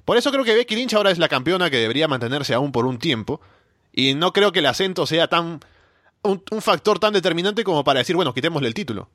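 Bright, animated man chatting. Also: fairly high pitch, quick pace, dry recording, clean studio sound. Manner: animated, thinking aloud with fillers. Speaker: panelist. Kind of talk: casual wrestling podcast chat.

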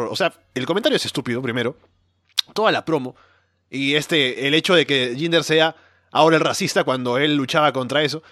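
A man with a somewhat high voice co-hosts a wrestling podcast and steers the talk to the next topic. He gives measured, opinionated takes, and the sound is close and dry. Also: a bit bright, no echo. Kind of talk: casual opinion chat.

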